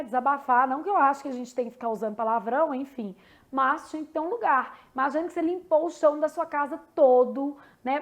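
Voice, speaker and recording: A Brazilian woman with a high voice teaches grammar in an online prep class. She explains each point in a chatty way and keeps checking in with her listeners through quick tag questions. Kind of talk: online exam-prep lesson.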